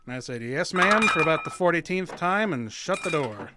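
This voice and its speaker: A man's voice: a little high, very animated, moderate pace, very noisy. An actor playing Buck, a folksy small-town young man who narrates a creepy tale in old-time radio drama style. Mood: narrating.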